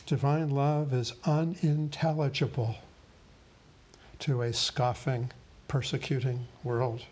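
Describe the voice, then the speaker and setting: A man preaches a sermon, slow and solemn. He takes his time over each phrase and pauses gravely, at an even middle pitch.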